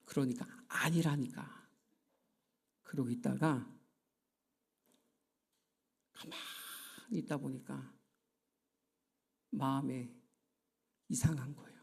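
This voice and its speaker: A man's voice: mid-range voice, steady tone, takes it slowly, vocal fry, long pauses, husky. A man preaching a sermon as a pastor in a church. He tells a story earnestly and acts out what the people in it say. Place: church sanctuary.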